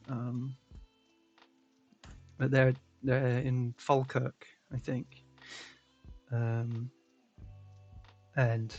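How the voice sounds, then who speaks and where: A young man hosting a casual stream chat, rambling and relaxed, with lots of fillers and laughs. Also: mid-range voice, vocal fry, slightly rough, muffled recording. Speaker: stream host.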